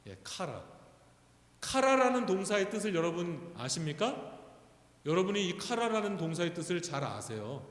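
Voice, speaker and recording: A man preaching a sermon as pastor, often asking the congregation questions and building to loud, fervent calls. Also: high voice, very animated, moderate pace. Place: church sanctuary. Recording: echoey church hall.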